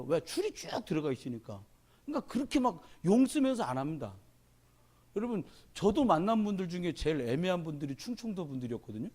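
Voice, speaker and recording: A male pastor preaching in a folksy, humorous way. His voice sits fairly high and swings widely in pitch as he slips into the voices of the people he quotes. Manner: animated storyteller who acts out quoted voices. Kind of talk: sermon.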